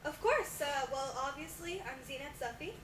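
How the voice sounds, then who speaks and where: A young adult woman plays an earnest scientist and exhibit creator, appearing as the interview guest on a homemade mock talk show. Her high-pitched voice is fairly bright and moves at a normal speed as she explains things. The audio is distant, echoey and noisy.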